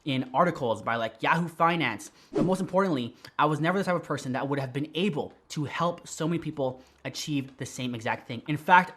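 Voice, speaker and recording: A man teaching how to start an online business, talking straight to camera in a direct, energetic way, with a slight whistle on his S sounds. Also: mid-range voice. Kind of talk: tutorial to camera.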